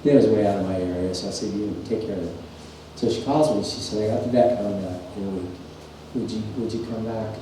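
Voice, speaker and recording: Folksy farrier in an echoey shop. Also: male voice, on the low side, quick pace. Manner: rambling anecdotal, folksy. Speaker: farrier instructor. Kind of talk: clinic presentation storytelling. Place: large workshop or clinic hall. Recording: echoey shop, mic far off, faint hum.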